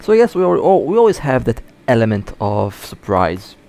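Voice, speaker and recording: Gravelly man commentating gameplay with hiccups. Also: mid-range voice, sing-song, fairly quick, dark tone. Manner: casual, chatty, self-correcting. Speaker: mobile space game player.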